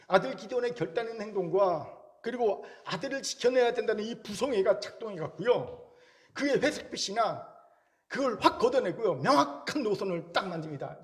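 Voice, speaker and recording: High-voiced Korean pastor preaching. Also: male voice. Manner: conversational, rhetorical questions, joking asides. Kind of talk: sermon. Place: church sanctuary.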